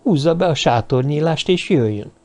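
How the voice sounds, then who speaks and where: A man's voice: a little high, expressive, dark tone, natural voice. A man voicing a seductive, commanding middle-aged woman who speaks in a sultry whisper in an audiobook. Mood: urging. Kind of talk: audiobook character voice.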